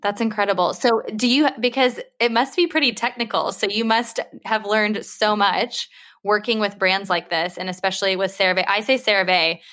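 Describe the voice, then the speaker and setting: An American podcast host runs an interview show, introducing and questioning her guest in a friendly, upbeat way. Her mid-range voice is steady and a bit bright, at a normal speed.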